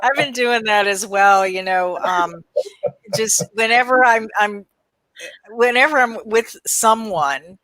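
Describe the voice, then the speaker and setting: A woman's voice: a little high, measured pace, a bit bright, no echo, rough recording. A woman hosting a casual livestream over a video call, reading out viewer comments and keeping the talk on time in an easygoing manner.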